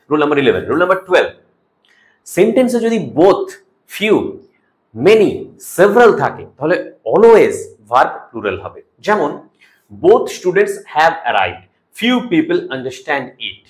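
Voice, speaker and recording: Lively-voiced Bengali grammar teacher. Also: male voice, a little high. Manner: explains rules slowly, reads examples out deliberately; mixes English terms into Bengali, asks "ok?" often. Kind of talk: exam-prep grammar lesson.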